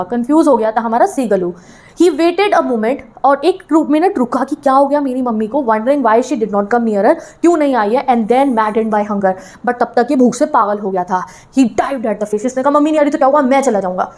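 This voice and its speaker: A woman teacher explaining a story line by line, reading English text slowly and then retelling it playfully in Hindi. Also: a little high, expressive, darkish tone.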